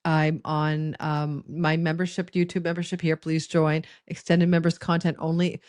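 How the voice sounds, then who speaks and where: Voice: mid-range voice, little pitch movement, moderate pace, a little mellow, no echo, studio quality. An astrologer giving a forecast monologue in a rambling, conversational way, with frequent restarts and asides.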